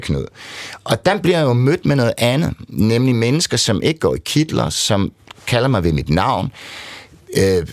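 Interview guest: middle-aged man, low voice, candid and rambling, dry close mic. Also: no room sound. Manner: candid, rambling, frequent "ikke?" tags. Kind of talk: conversational storytelling.

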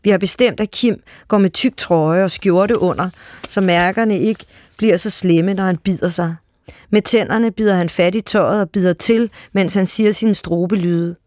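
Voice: mid-range voice, a little mellow, no room sound. Dry, close short-story reader. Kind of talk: calm literary read-aloud.

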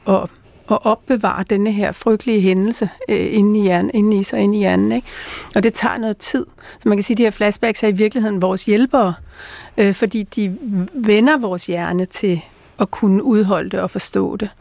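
A middle-aged woman author talking reflectively in an interview, pausing often with fillers. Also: mid-range voice, creaky, a little mellow, no echo. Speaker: author and guest. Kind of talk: conversational interview.

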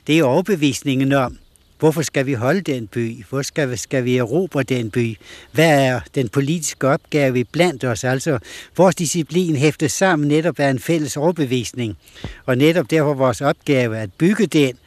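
A man's voice: medium pitch, a little mellow, no room sound. An older man giving earnest testimony, searching for words, on an archival recording. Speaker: interviewed veteran volunteer. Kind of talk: recalled testimony.

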